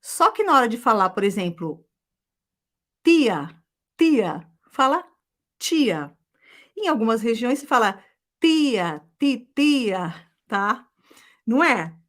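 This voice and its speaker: A middle-aged woman, teaching a live online English lesson in a lively, chatty way. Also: a little high, a little slow. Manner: lively, chatty, often adds "tá?".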